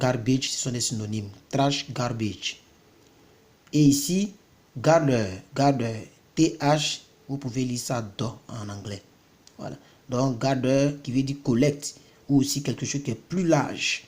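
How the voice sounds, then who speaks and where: A man's voice: mid-range voice, darkish tone. A man from Côte d'Ivoire, giving a casual vocabulary lesson and repeating each word several times before explaining it. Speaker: self-taught English vocabulary tutor.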